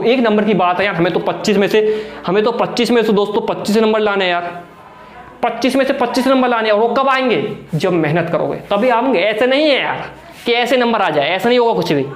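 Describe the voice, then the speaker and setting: A young man with a high voice teaches Hindi grammar in an echoing room, sweating as he goes. He answers his own questions and drives his viewers on like a coach. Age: young adult. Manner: exhorting, calls viewers friends and brother, asks then answers own questions. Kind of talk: exam-prep whiteboard lesson.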